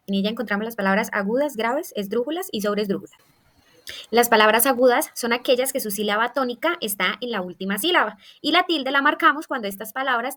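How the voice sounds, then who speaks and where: A woman's voice: fairly high pitch, fairly bright tone. A woman teaching a primary school grammar lesson, explaining rules step by step with listed examples. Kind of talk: scripted grammar lesson for children.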